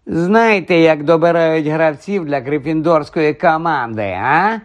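A man doing a sneering teenage bully, Malfoy, high and drawling. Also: takes it slowly. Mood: taunting. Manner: mocking, drawling taunts. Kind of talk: audiobook character voice.

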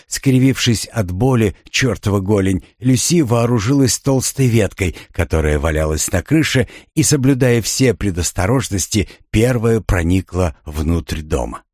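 A man narrating a thriller audiobook in a measured, even storytelling delivery. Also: fairly low pitch, no echo, clean studio sound.

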